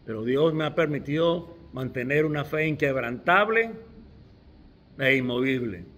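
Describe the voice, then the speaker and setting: Slow, emphatic man preaching. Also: mid-range voice, animated, fairly bright tone. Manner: emphatic, rising to stress key words, with restarts. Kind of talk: sermon.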